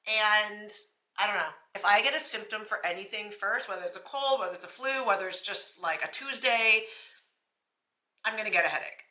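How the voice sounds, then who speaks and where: A woman's voice: medium pitch, bright, forceful tone, reverberant. A young pregnant woman from Canada, chatting casually to camera with a self-deprecating, laughing manner. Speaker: vlogger.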